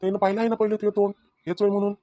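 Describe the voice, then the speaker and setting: A man's voice: high voice, level tone, rapid-fire, dark tone, no echo, natural voice. A man voicing an exasperated but firm village husband with a Vidarbha Marathi accent in a cartoon comedy. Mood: fed-up. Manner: arguing, threatening.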